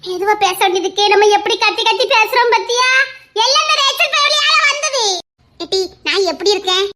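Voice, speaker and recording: A young woman, voicing a cheeky village woman in loud, laughing, bickering audio-drama banter. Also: extremely high pitch, brisk. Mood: playful.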